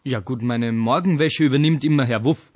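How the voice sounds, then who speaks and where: A man's voice: mid-range voice, slightly rough, dull audio, natural voice. A man voicing a cheerful, easygoing character in a children's audio play who laughs often and also sings. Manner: good-humoured, laughing, sings slowly. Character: cheerful, easygoing man with a big mixed-breed dog.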